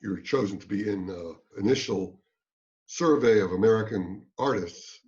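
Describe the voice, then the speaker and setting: Lower-voiced curator man, hesitant. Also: a little mellow, lo-fi sound. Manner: hesitant, many filler pauses. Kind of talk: interview over video call. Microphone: video call.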